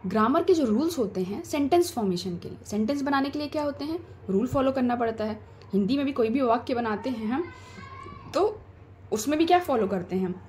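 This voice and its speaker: A woman's voice: high voice, expressive, a little fast, a little mellow, slight background noise. A woman with an Indian accent teaching an exam-prep lesson. She asks questions and then answers them herself. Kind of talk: explanatory lecture.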